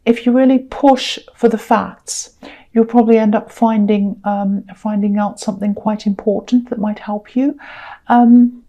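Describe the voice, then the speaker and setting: A woman's voice: mid-range voice, fairly even intonation, unhurried, mellow. A woman giving a tarot card reading, talking earnestly and reassuringly with frequent fillers and repetitions. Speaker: tarot reader.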